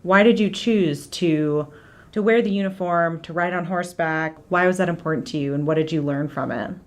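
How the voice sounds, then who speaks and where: A woman interviewing and hiking outdoors on a mountain trail, talking in an animated, excitable way. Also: fairly low pitch, moderate pace, no echo. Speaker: interviewer and hiker. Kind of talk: on-location chat during a hike.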